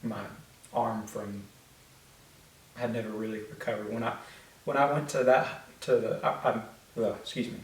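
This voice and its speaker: A young man co-hosting a vlog, chatting casually in a halting way with many restarts. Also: lowish voice. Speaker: vlog co-host. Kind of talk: casual chat. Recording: echoey room, mic at a distance.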